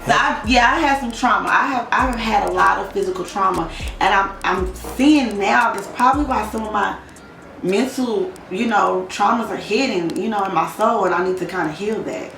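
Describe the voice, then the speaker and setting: A young woman from Oklahoma, guesting on an interview, opens up candidly and profanely about the hard things in her past, swearing plenty in a blunt, casual style. Her mid-range, gravelly voice moves at a moderate pace and was recorded off-mic from a distance, with roomy echo, a noisy background, and faint music.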